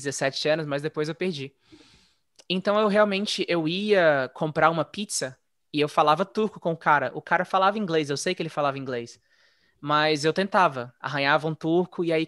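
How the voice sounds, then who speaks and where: A man telling his story in a relaxed, chatty way, as a guest in a casual interview. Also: on the high side, no echo, studio quality. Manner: relaxed, chatty, frequent "né?" tags. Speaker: interview guest, former English teacher living abroad.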